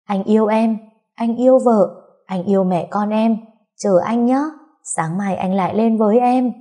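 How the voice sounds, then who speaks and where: A woman's voice: mid-range voice, unhurried, mellow, pitched above the performer's own voice, natural voice. A woman voicing a young man, an eager and affectionate fiancé. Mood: elated.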